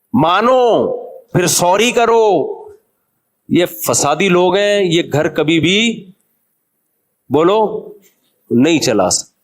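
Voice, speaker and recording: A man delivers a light, humorous religious talk. He chats and jokes with his listeners rather than preaching at them. His voice sits fairly high for a man. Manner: chatty and joking, addresses listeners directly. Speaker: Islamic cleric giving a talk. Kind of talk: humorous conversational sermon.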